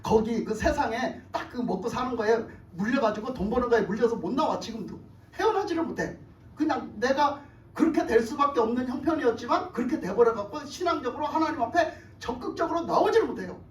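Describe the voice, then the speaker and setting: A woman's voice: a little high, animated, a little fast, slight background noise. A woman pastor preaching in a colloquial storytelling style, often laughing and acting out quotes. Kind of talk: storytelling sermon. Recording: roomy church hall, distant mic, faint ambience.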